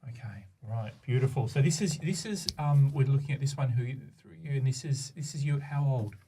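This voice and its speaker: A man's voice: medium pitch, brisk, far from the mic, noisy background. A man hosting a school interview, chatty and affirming, often echoing his guest's words back. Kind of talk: casual interview chat.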